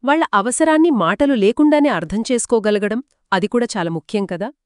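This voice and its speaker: Woman, curious listener, exclamations, smooth clear voice, dry sound. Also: fairly high pitch, brisk, no echo. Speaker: co-host asking questions. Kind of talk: children's story told as a two-voice conversation.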